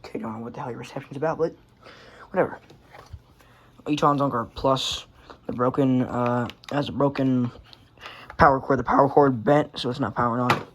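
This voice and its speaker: A man shows off his radio collection indoors among working sets, touring it casually and rambling with some mild profanity. His medium-pitched voice is steady, a little fast, and fairly bright, with frequent pauses. The recording is clear, with background noise and clicks.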